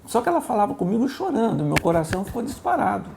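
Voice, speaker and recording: A Brazilian-accented male pastor telling a story in an interview, animated and acting out the voices of the people in it. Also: sits high, quick pace, vocal fry, noisy background. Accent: Brazilian Portuguese. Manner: animated, acts out quoted voices in his stories.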